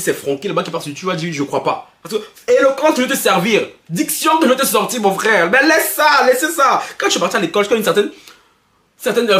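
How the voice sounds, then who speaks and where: A young man from Belgium giving animated gossip commentary as a YouTuber, excitable and mocking, laughing often and stumbling over restarts. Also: high voice, reverberant. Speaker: YouTuber commenting on pop culture.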